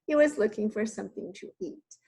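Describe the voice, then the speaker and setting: A woman's voice: mid-range voice, a little fast, creaky, mellow, natural voice. A woman reading as a bossy giant's wife. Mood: stern.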